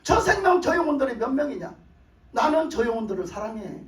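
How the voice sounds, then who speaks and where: A man voicing God as a patient, loving father who gently coaxes, in an echoey hall. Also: very high voice, very animated, brisk. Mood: tender. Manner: gentle, coaxing pleas. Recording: echoey church hall from a distance.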